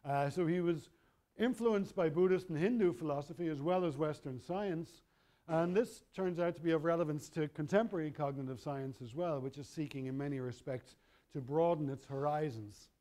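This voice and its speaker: Man, middle-aged, university lecture, wry conversational tone, somewhat high-pitched. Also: normal speed, warm tone. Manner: wry, conversational, self-correcting.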